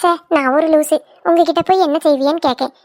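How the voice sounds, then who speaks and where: A woman's voice: high-pitched, quick pace, natural voice. A woman voicing a playful, talkative young village daughter-in-law, in a cartoon. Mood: cheeky. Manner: playful, teasing, cheeky. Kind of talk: cartoon voice acting.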